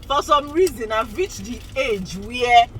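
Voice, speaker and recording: A woman's voice: on the high side, lively intonation, unhurried, a little hiss or hum, poor audio. A woman in her forties, chatting casually and rambling to her vlog viewers, often laughing. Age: 40s. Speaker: vlogger. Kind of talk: casual chat to camera.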